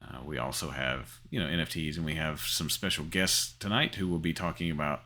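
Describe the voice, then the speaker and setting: A man's voice: rumbling low, fairly even intonation, fairly quick, pushed and bright. A middle-aged man hosting a gaming channel, talking casually over his screen with lots of ums and restarts. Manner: rambling, many fillers and restarts. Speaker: crypto gaming channel host. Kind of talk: casual screen-share commentary.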